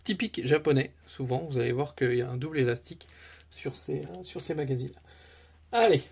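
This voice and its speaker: Male collector vlogger, husky, mid pitch, casual and enthusiastic, rambling delivery. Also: fairly quick, a little mellow. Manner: chatty and enthusiastic, many fillers and restarts. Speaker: card collector YouTuber. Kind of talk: casual chat to camera.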